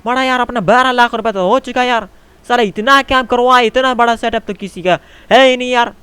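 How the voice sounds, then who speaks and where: A man's voice: very high voice, steady tone, a little fast, pushed and bright, smooth, no echo, pitched above the performer's own voice. A man voicing a quarrelsome male Pathan tent builder in a game role-play, arguing in Pashto-accented Urdu with broken grammar. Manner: argumentative, grumbling, broken grammar, keeps saying "maada".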